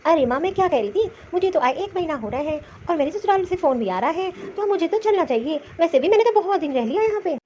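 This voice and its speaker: A woman's voice: extremely high pitch, animated, fast talker, hardly any pauses, darkish tone, a little hiss or hum. A woman voicing a bossy, selfish young sister-in-law in a cartoon story, curt and dismissive. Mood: cheery. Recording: slightly dull lo-fi recording.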